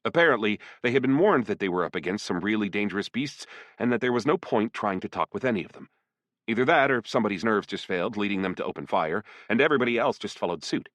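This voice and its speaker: A man narrates a first-person fantasy audiobook with a lower voice that swings widely in pitch. The sound is close and dry, with no room echo. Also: lively intonation, fast talker, a bit bright.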